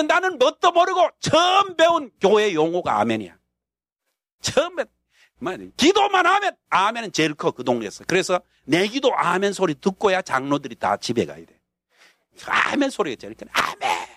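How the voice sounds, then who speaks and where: Male pastor, North Korean accent, high wildly swinging voice, dry close sound, animated storytelling sermon. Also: normal speed, no room sound. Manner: animated, acts out scenes, bursts of shouting and laughter. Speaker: pastor and missionary.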